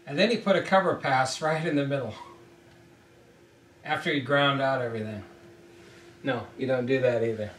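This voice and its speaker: A middle-aged man teaches ship fitting at a whiteboard in a small room, bluntly and emphatically walking through the steps of a welding lesson and repeating his points. His voice is medium-pitched and a bit bright at a normal speed with long pauses. A camera mic a few feet away catches him off-mic, with roomy echo and slight hiss or hum.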